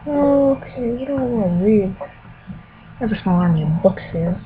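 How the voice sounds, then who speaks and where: With a medium-pitched voice, lively intonation, and a slow pace, this woman casually works through an accent challenge, hesitantly thinking aloud as she answers questions and reads. Tinny, phone-like audio carries background noise and a radio playing music.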